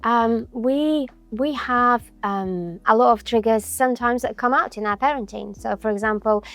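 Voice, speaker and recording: A woman talks gently and steadily as a podcast guest, explaining how parents can stay calm. Her voice carries a gravelly creak. Soft music plays faintly behind her. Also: a little high, moderate pace. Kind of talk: podcast interview.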